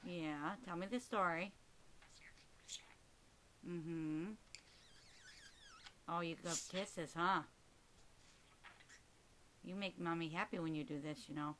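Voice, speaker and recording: A woman's voice: on the low side, steady tone, slow, long pauses, fairly bright tone, slight background noise. A woman chatting casually to her pet budgie, coaxing it with short repeated prompts and endearments. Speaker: pet owner filming her bird. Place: recorded while handling the camera herself.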